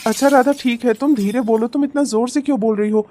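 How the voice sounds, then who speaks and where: A woman's voice: fairly high pitch, quick pace, dark tone, no echo, natural voice. A woman voicing a young husband in a cartoon, firm and reasoning in the way he talks. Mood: calm. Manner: stern, then reasoning. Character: young husband, bossy at first, then calm.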